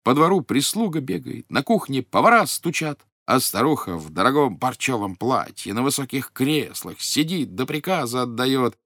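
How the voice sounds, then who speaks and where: A man narrating a folk tale in an expressive, storytelling manner. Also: medium pitch, normal speed, hardly any pauses, no echo, studio quality.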